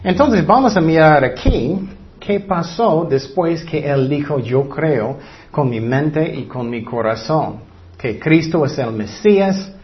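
A man preaching a sermon in halting Spanish with grammar slips, often asking the crowd rhetorical questions. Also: medium pitch. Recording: dull lo-fi recording.

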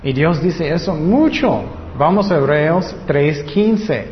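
Slow-preaching man in an echoey hall. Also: fairly high pitch, animated, a little hiss or hum. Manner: slow, deliberate preaching with rhetorical questions. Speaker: pastor. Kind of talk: sermon. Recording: muffled reverberant hall.

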